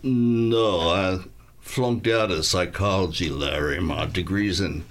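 A man's voice: low voice, takes it slowly. A man playing a wisecracking sidekick on a radio show, with a dry delivery.

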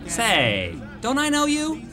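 A man's voice: very high-pitched, slow, over music, heavily acted. A man voicing a pushy, rambling male spirit in an afterlife queue in a radio comedy. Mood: eager. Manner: eager, rambling, excitable. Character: chatty pushy male spirit waiting to be reborn.

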